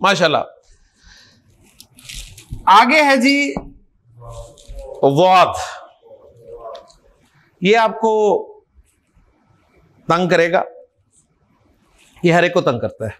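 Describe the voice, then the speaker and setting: A man teaches Arabic letters over a video call. His voice sits high and he talks slowly, stopping often to check that students follow. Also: big pitch swings, fairly bright tone. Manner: patient, drills letters with frequent checks. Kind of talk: online class teaching.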